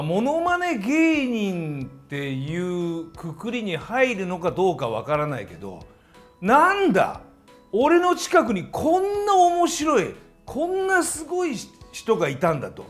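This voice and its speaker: Animated man hosting a comedy chat. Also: unhurried, faint music behind. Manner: animated, teasing, pitch swinging widely. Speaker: host, impressionist comedian.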